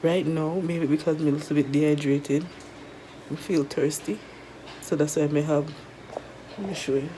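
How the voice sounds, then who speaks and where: A woman with a Jamaican accent chats casually to viewers in a halting, weary way, her throat sore and mouth dry after tonsil surgery. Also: low-pitched, steady tone, warm tone, a little hiss or hum, poor audio. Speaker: vlogger. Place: resting at home in bed.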